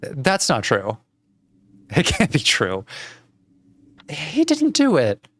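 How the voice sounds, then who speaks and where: A man's voice: on the high side, wildly swooping pitch, slow pace, fairly bright tone, voice pushed up, full character voice. Fran, a pleading little girl, as a man puts her on.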